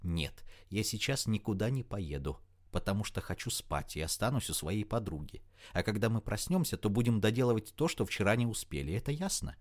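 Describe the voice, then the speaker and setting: A man voicing a quick-tempered, sarcastic young woman in an audiobook. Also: lowish voice, big pitch swings. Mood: angry. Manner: raised, sarcastic, snappy delivery. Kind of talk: audiobook character voice.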